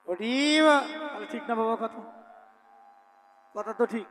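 Male folk preacher, very high and slow, sing-song, quizzes the crowd. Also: fairly bright tone, slight background noise, low-quality recording. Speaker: devotional folk singer and preacher. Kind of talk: devotional song and storytelling sermon.

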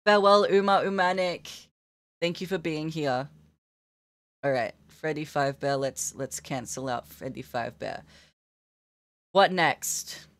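A woman's voice: extremely low pitch, takes it slowly, long pauses. A young woman streaming while she draws, chatting to her viewers in a giggly, gushing way. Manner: giggly, gushing, talks to chat. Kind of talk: casual live-stream chat while drawing.

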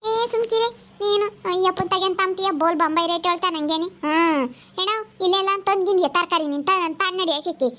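A woman's voice: very high-pitched, bright, forceful tone. A woman playing a scolding village woman, haggling over vegetable prices. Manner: nagging, rapid-fire scolding. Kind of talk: comedy sketch acting.

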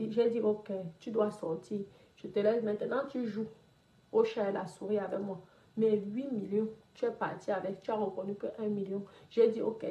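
A woman's voice: medium pitch, warm tone, highs cut off. A woman, scolding someone directly in a social media rant. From Cameroon. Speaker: property investor. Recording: roomy echo.

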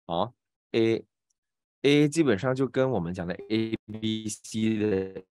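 A man with a Malaysian Mandarin accent teaching pronunciation in an online class, patiently demonstrating each sound with drawn-out repetitions. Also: on the low side, darkish tone, smooth. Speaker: voice acting teacher.

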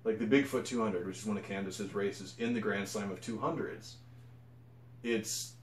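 Man, slightly low voice, casual vlog monologue, rambling, echoey room, faint hum. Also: steady tone, moderate pace. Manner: rambling, self-correcting, enthusiastic. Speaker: ultra runner vlogger.

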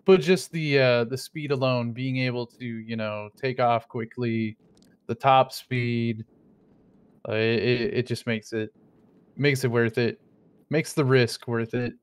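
Brief: man, smooth, dry close sound, hesitant, mock-innocent banter in roleplay. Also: medium pitch, fairly even intonation, a little slow, no room sound. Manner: rambling and hesitant, with many fillers and restarts. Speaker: streamer playing a roleplay character. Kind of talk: casual in-character roleplay chat.

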